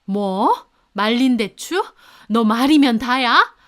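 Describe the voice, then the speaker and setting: Storybook figure: a bossy older mother-in-law who scolds and shouts, acted by a woman in a smooth, raised voice. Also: a little high, measured pace, close to an everyday voice. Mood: furious. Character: sharp-tongued older mother-in-law, quick to anger.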